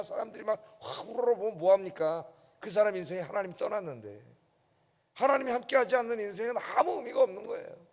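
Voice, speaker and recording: High-voiced pastor in a reverberant church. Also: male voice. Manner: emphatic, asks the congregation "예?". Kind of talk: early-morning sermon. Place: church sanctuary.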